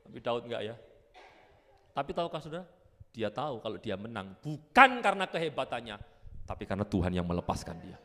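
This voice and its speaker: A man preaching a sermon, animated and swinging between loud and hushed delivery. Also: on the low side, quick pace. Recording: echoey church hall.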